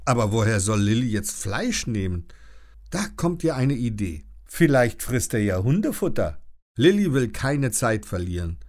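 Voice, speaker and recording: A man narrating a children's audiobook with an expressive storytelling delivery. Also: mid-range voice, moderate pace.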